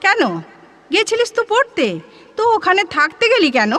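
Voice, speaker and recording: A woman's voice: very high voice, very animated, moderate pace, fairly bright tone, long reverb tail, heavily acted. An actress playing a fretful, old-fashioned mother in an audio drama, with a Bengali accent and a plaintive, fussy way of talking. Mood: teasing.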